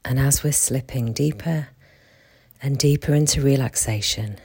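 A soft, intimate voice close to the ear, soothing and lulling, often slipping toward a whisper while guiding a sleep relaxation. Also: mid-range voice, normal speed, vocal fry, slightly rough, dry recording. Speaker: relaxation guide. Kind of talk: guided sleep relaxation, hypnotic monologue.

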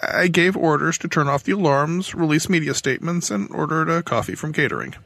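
A man voicing a female mission control captain giving guarded, defensive testimony, somewhat higher and softer than his own voice. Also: animated, fairly quick, vocal fry, dry recording.

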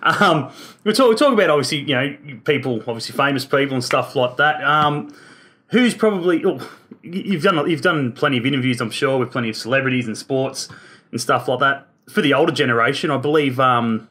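A man's voice: medium pitch, lively intonation, brisk, bright, forceful tone. A man hosting a casual podcast chat, full of loose banter and frequent laughter.

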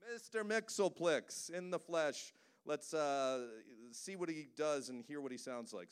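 A man's voice: mid-range voice, clean tone. Chatty man giving a pop-culture talk. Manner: chatty, enthusiastic, joking. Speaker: voice director giving a presentation. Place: cinema, live event.

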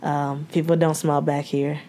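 A young woman from the American South with a Southern accent, co-hosting a casual podcast from home, talking frankly with cursing and quick restarts. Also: low-pitched, level tone, dark tone, slight background noise. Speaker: podcast co-host. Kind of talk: casual chat. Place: home room, remote recording.

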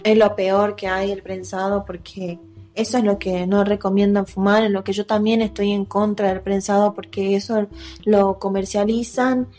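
A woman's voice: medium pitch, little pitch movement, normal speed, dark tone, faint music behind. A woman with an Argentine accent talking in casual chat, explaining earnestly. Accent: Argentine Spanish.

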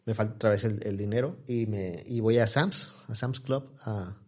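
A man's voice: on the low side, moderate pace, darkish tone. A man, chatting as an interview guest and telling rambling stories full of fillers and restarts. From Mexico, Tamaulipas. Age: 40s. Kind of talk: casual interview chat.

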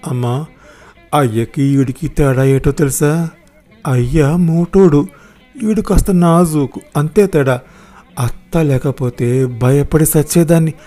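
A man's voice: a little high, takes it slowly, long pauses, warm tone, faint music behind. A man voicing a frightened teenage girl confiding in her mother. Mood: distressed.

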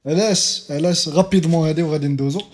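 A man's voice: a little high, very fast, darkish tone. A man with a Moroccan accent co-hosting a casual sports podcast, mixing French words into his talk. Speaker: podcast co-host.

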